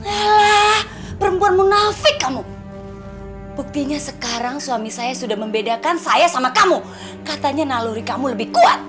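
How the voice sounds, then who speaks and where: A shrill, jealous young mother. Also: animated, moderate pace, music in the background. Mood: angry scolding. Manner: shouting, scolding, tearful. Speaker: young mother scolding her maid. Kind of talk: TV soap drama.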